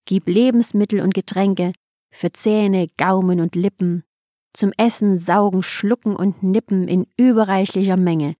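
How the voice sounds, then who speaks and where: A woman's voice: medium pitch, steady tone, unhurried, warm tone, no room sound, clean studio sound, close to an everyday voice. A woman reading the lines of a reverent, hospitable male hermit in solemn, formal speech. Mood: commanding. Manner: reverent, pleading address. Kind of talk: audiobook reading.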